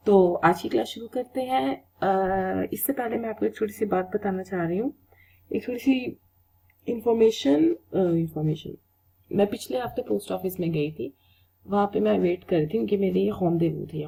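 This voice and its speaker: A woman teaching French in a casual spoken lesson, explaining slowly and repeating each word for pronunciation. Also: fairly low pitch, gravelly, mellow, husky.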